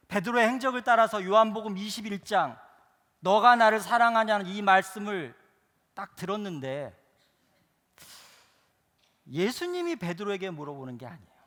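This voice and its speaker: A man's voice: sits high, a bit bright, in a large hall. A male pastor preaching a sermon, driving it with emphatic rhetorical questions that build in intensity.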